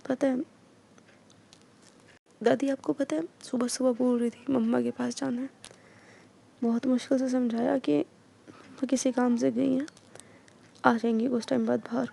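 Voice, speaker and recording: A woman's voice: sits high, vocal fry, dark tone, full character voice. A woman voicing a caring, tired young woman in an audio story, talking earnestly.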